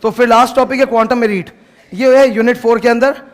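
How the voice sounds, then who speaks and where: A man's voice: extremely high pitch, steady tone, a little fast. A man teaching law to a class in a casual lecture, stopping at times to scold the noisy students. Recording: long hall reverb.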